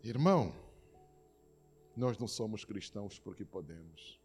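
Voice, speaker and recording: A man's voice: lowish voice, expressive, a little slow, a little mellow, faint music behind. A man with a Brazilian Portuguese accent preaching a sermon as pastor, emphatic and repeating words for effect while telling stories.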